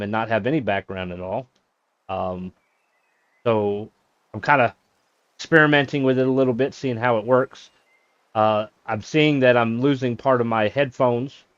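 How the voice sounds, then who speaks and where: A man streaming a game from a small closet office, chatting casually in a monotone way, with many fillers. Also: medium pitch, no echo, muffled recording. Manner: self-described monotone, rambling with fillers. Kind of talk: casual live-stream chat.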